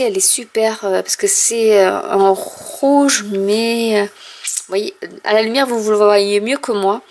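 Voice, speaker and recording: A woman's voice: mid-range voice, gravelly. A French-speaking woman presenting a casual craft product haul at home, explaining in a chatty way with frequent fillers. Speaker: craft vlogger.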